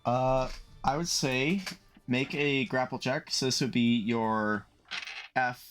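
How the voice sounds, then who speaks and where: A man acting as game master for a tabletop game, relaxed and casual, laughing and swearing freely. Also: medium pitch, takes it slowly, soft background music. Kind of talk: running a tabletop game over a call.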